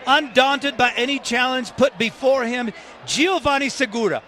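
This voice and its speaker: A man's voice: very high voice, normal speed. A man calling a boxing match live, with emphatic, dramatic phrasing. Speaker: play-by-play boxing commentator. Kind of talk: live sports commentary. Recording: loud crowd and arena noise behind.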